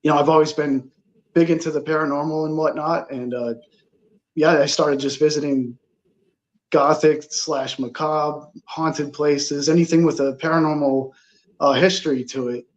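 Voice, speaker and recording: A man telling his story as an interview guest in a casual, halting, rambling way. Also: a little high, steady tone. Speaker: interview guest, travel blogger. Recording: slightly dull, lo-fi sound.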